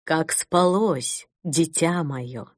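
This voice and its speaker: A sly, soft-spoken old bishop, as a woman narrator puts him on. He talks low, slow and quiet. The sound is dry and close. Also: no echo, heavily acted. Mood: insinuating. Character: soft-spoken sinister male bishop, older.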